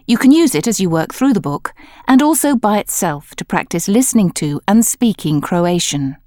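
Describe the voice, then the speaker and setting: A woman giving scripted instructional narration for a language course, explaining in a clear, measured manner. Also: mid-range voice, animated, darkish tone, dry recording, clean studio sound.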